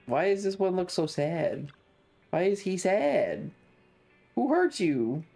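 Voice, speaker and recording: In a slow, mid-range, sing-song voice that is creaky and mellow, a streamer offers casual chat and game commentary on a livestream. The style is sardonic and mock-serious, taking time over each word.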